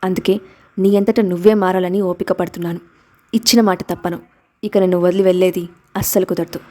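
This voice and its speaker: A woman's voice: fairly low pitch, steady tone, brisk, dark tone, natural voice. A woman voicing a brooding, arrogant and possessive husband in a storybook romance. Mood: assertive. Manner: intense, pleading then domineering.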